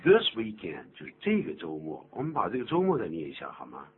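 Low-pitched, fast-talking, with vocal fry, a breathy edge, and wildly swooping pitch, this man is an English teacher hosting a radio lesson. He explains patiently and jokes as he overdoes pronunciation, heard through a tinny, phone-like recording with a faint hum.

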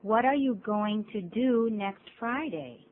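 A woman co-teaching a radio English lesson, reading model sentences clearly and repeating each. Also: mid-range voice, expressive, slow pace. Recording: tinny phone-like radio recording with faint hum.

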